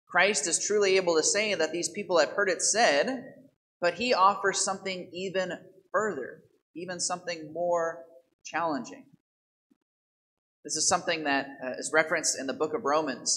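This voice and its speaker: Priest explaining scripture from a pulpit. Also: male voice, fairly high pitch, a bit bright, low-quality recording. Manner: explanatory, asks the congregation rhetorical questions. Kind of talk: homily at daily Mass. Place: church sanctuary, at the pulpit. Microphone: pulpit microphone.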